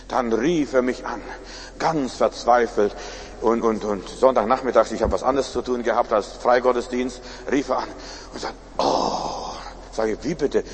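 Man preaching, lively and direct, drops to hushed asides, long hall reverb, faint background noise. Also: mid-range voice. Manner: lively, shifts from loud to hushed; talks straight to listeners with repeated questions. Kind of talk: sermon.

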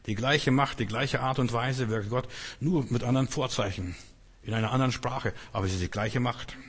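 Husky male preacher in an echoing hall. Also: medium pitch, fairly quick. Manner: emphatic, repetitive, often asks the listeners "verstehst du". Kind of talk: sermon. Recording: long echo of a large hall.

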